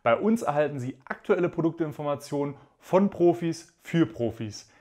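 A man's voice: on the high side, lively intonation, normal speed, a little mellow. A young man giving a formal, polite, scripted product presentation in a studio. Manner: formal, polite, promotional delivery. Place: studio in front of a gray backdrop.

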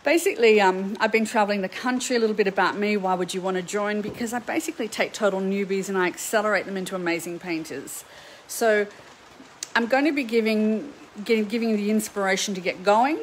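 A middle-aged Australian woman teaches art on a live stream. She talks in an upbeat, chatty way, and her voice sits at a middle pitch. A faint hum of noise is heard behind her. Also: fairly quick, rough recording. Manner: upbeat, chatty, greets viewers by name. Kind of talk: live stream chat to viewers. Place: home painting studio.

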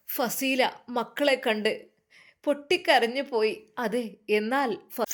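Emotive woman storyteller, Malappuram accent. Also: sits high. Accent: Malappuram Malayalam. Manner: emotive, with frequent interjections. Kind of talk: dramatic story narration.

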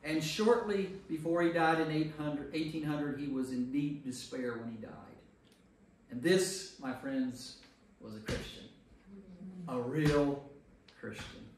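A priest with a fairly high voice leads a group Bible study at a measured pace, emphatic and often repeating a phrase to drive it home. He's recorded from a distance in a very echoey room, with faint noise.

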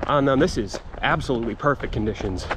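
A man's voice: medium pitch, fast, background noise. A young man talking casually to the camera as a running vlogger, chatty and self-deprecating. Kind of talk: casual vlog chat.

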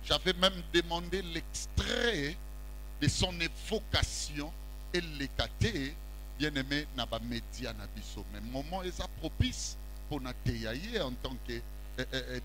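This middle-aged preacher works a big church hall, pacing the stage and coaxing replies from the congregation in a blend of French and Lingala. Through his handheld mic, his bright, high voice rises and dips with lively intonation at a slightly slow pace. The audio is poor, with a faint hum beneath it.

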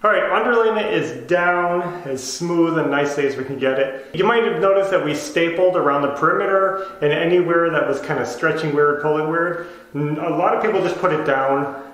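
A man in his thirties with a fairly high, slightly bright voice talks briskly and casually to camera. As a home renovation vlogger, he explains things from an empty bedroom being renovated, where the sound echoes strongly.

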